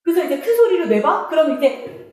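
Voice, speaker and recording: A woman teaching an exam reading passage to students, asking them quick rhetorical questions as she explains. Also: very high-pitched, very animated, a little mellow. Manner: switches between Korean explanation and read-out English. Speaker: English teacher. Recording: very echoey room.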